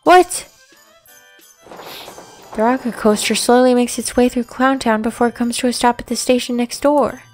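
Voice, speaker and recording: A woman's voice: a little high, level tone, fairly quick, hardly any pauses, darkish tone. Woman narrating a game, music behind. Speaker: narrator reading a visual game aloud. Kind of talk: scripted narration with casual asides.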